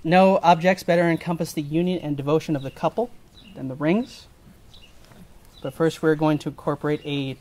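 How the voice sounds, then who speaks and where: A man's voice: on the high side, moderate pace, a little mellow. A man officiating an informal wedding, explaining the ceremony in a wry way. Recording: live ceremony with faint ambient noise.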